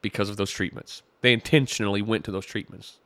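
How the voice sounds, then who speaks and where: This podcast host, a man with a lowish, steady, fairly bright voice, moves at a quick pace while critiquing a sermon clip. The recording is dry, and he stays conversational, reading scripture aloud and giving wry chuckles.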